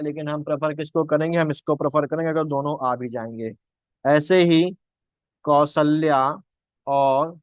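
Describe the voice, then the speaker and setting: A man's voice: fairly high pitch, no room sound. A young man teaching grammar for an exam. He poses questions, answers them himself, and keeps repeating his points. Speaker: exam-prep Hindi teacher.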